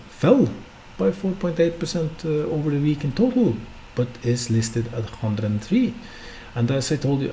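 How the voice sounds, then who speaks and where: Here the Norwegian stock market podcaster, a non-native English speaker, talks solo without a script, hesitating frequently with fillers and posing rhetorical questions to listeners. He has a mid-range, dark voice, and the recording carries slight background noise.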